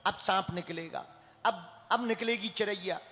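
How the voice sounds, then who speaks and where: High-voiced comic male storyteller. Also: unhurried, big-room sound. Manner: lively, acts out voices. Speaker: religious storyteller.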